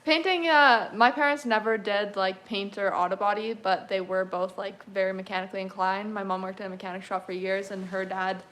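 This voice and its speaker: Woman, twenties, car restorer reading chat aloud; easygoing, chatty, quick to laugh. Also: mid-range voice, steady tone, fairly bright tone, slight background noise. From Canada. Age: 20s. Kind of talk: casual livestream Q&A reading chat.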